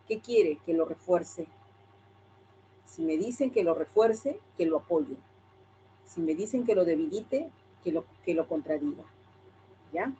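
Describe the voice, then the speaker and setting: A woman's voice: lowish voice, mellow, lo-fi sound, slight background noise. A woman teacher with a Peruvian Spanish accent, lecturing a class and asking herself questions that she answers straight away. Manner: asks and answers her own questions.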